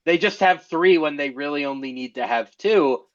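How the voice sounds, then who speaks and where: Higher-voiced man, dull podcast audio. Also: expressive, normal speed. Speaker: sports podcast co-host. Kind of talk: casual basketball analysis.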